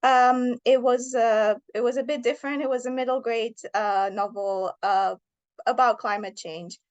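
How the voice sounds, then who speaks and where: A woman in her thirties who grew up partly in Iran answers an interviewer's questions about her writing. She speaks earnestly, thinking aloud, and her voice sits a little high. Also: steady tone, moderate pace, lo-fi sound. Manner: thoughtful, earnest, with fillers. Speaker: author.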